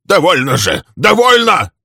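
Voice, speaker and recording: A man voicing a hoarse older gentleman who pleads and commands to calm a quarrel in his home. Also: on the low side, normal speed, no room sound, studio quality, pitched above the performer's own voice, full character voice. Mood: stern. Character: older male host, stern and placating.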